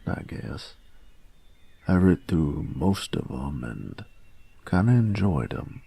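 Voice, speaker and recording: In an intimate audio roleplay, a man with a bass voice plays a cocky young bully who's secretly tender toward his boyfriend. His delivery is gravelly, husky and exaggerated, grudging and teasing with a cool-guy attitude.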